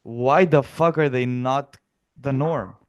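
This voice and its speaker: Young guy from egypt on a comedy podcast, smooth resonant voice, crude blunt rants. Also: medium pitch, slow. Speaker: podcast co-host. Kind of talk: casual comedy podcast chat.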